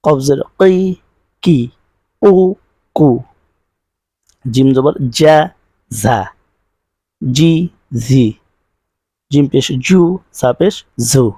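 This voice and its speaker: Slow, drilling male recitation teacher. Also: medium pitch, lively intonation, dark tone, dry recording. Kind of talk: online pronunciation lesson.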